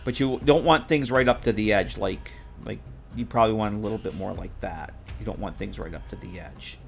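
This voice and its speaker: A tired, congested modding streamer with a lowish, gravelly voice chats casually while working on a live stream. He talks a little fast, rambling, thinking aloud, and correcting himself as he goes. Soft music plays in the background.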